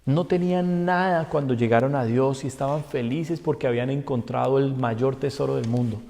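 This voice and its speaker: A man preaching a sermon as pastor, swinging from loud, high outbursts to hushed, low tones. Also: normal speed, creaky. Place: church sanctuary. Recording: long church hall reverb.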